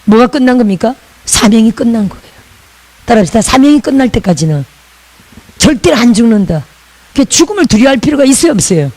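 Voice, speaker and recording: A woman's voice: a little high, expressive, fast talker, darkish tone, low-quality recording. A woman pastor from Busan, preaching a sermon in a chatty way with laughing asides and call-and-repeat lines.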